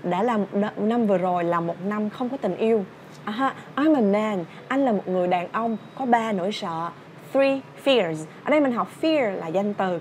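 A woman's voice: mid-range voice, a little mellow, a little hiss or hum. A young woman with a Vietnamese accent teaching English through a song, explaining words and drilling pronunciation.

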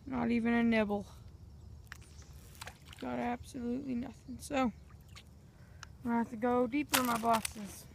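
Filming a casual fishing vlog on a handheld phone by a pond outdoors, a woman rambles and chats to her viewers, calling them "guys." Her voice is fairly high and gravelly with fairly even intonation and a moderate pace, she pauses often, and there is slight background noise.

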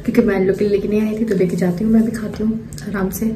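A woman's voice: mid-range voice, level tone, very fast, dark tone, rough recording. A woman talking through her casual vlog, chatty and laughing often, repeating herself as she goes. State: tired at the end. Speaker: vlogger.

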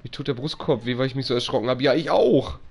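A man doing live commentary on a horror game, excitable and jumpy, talking to his chat. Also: medium pitch, quick pace, creaky, soft background music. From Germany. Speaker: live streamer.

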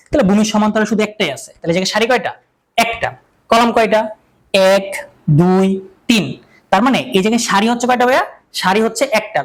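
A male math teacher talks quickly through a classroom lecture. He keeps asking questions and answering them himself, and he repeats key terms to drive them home. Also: sits high, poor audio.

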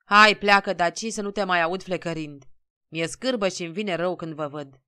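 A woman's voice: on the low side, smooth, no echo, clean studio sound. A woman voicing a surly, contemptuous male station chief who snaps at peasants. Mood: scornful. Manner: snapping, scornful, loud.

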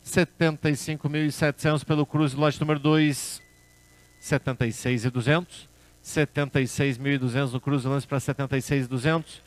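Male auctioneer, repetitive bid chant, car auction calling, medium pitch, dry close sound. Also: dry recording. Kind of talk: live car auction calling, repeating bids.

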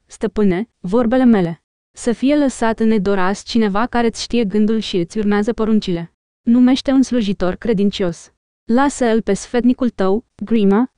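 A sly old counselor grovels and wheedles before his king, as a woman reads him. The tone is smooth and mellow, set a little high, recorded dry and close. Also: dry recording, lightly acted. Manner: wheedling, pleading.

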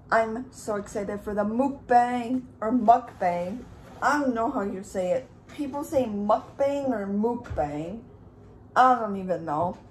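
Slow, rambling young woman chatting to viewers. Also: a little high, a little mellow, a little hiss or hum. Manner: chatty, rambling, talks to viewers while preparing food. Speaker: YouTuber. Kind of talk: casual mukbang vlog chat. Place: room at home. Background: faint TV in the background.

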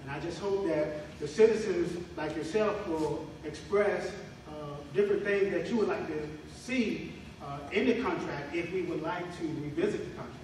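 Man's high voice in an echoey hall. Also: darkish tone. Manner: halting, many fillers, speaks into a handheld mic. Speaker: county commissioner hosting a town hall. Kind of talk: public address at a town hall meeting. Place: large community hall, indoors. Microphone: handheld mic in a big room, heard from afar. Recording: echoey hall heard from far off with noise.

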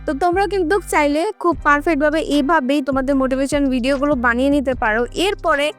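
Talking fast in a high voice, this tutorial host gives her viewers direct, step-by-step instructions in a casual how-to. Faint music can be heard in the background.

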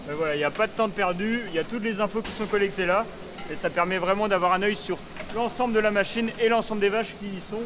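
Holding an action camera at arm's length, a young man in his twenties leads a casual vlog walkthrough of a large barn and milking parlour indoors, full of enthusiasm, chatter and fillers. His voice sits high against a noisy background.

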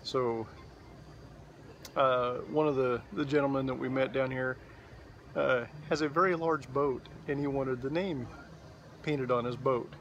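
A man's voice: mid-range voice, a little slow, long pauses, highs cut off. Man, 40s, casual self-shot vlogger, easygoing and rambling, outdoor phone audio, faint background hum. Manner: relaxed, rambling with fillers. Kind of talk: casual video diary. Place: outdoors in a boatyard. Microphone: phone camera at arm's length.

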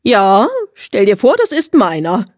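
A woman voicing a loud, boastful and brusque eccentric hermit woman in an audiobook, chattering rapidly with indignant outbursts. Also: medium pitch, very animated, dry recording, clean studio sound. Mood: offhand. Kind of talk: audiobook character voice.

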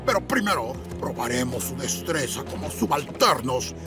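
Gravelly, pompous supervillain. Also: male voice, mid-range voice, big pitch swings, moderate pace, over music. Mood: pompous, scheming. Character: pompous, scornful, bickering male cartoon supervillain. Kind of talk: animated cartoon dub acting.

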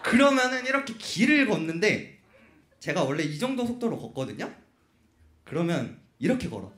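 Man, high voice, very lively, playful storyteller, live stage talk, echoey concert hall. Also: normal speed, a little hiss or hum. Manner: playful, animated storyteller who teases the crowd. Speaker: crew member hosting a fan talk show. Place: concert hall stage before about 300 fans.

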